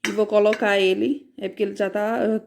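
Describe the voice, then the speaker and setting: A woman's voice: mid-range voice, little pitch movement, a little fast, vocal fry, noisy background. A woman teacher recording a home lesson for parents, patiently explaining and checking in with frequent questions.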